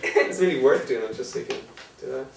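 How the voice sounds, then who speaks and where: Male co-host, irreverent deadpan humour; roomy room, distant mic. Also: mid-range voice, brisk, creaky, a little hiss or hum. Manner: irreverent, laughing, deadpan dark jokes. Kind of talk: joking tech news chat.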